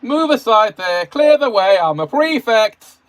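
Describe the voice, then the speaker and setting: A man voicing a small, bossy male steam engine who yells orders in a loud, pompous voice. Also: very high voice, very animated, slow, dry recording, voice pushed up, full character voice. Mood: bossy shouting. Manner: yelling orders.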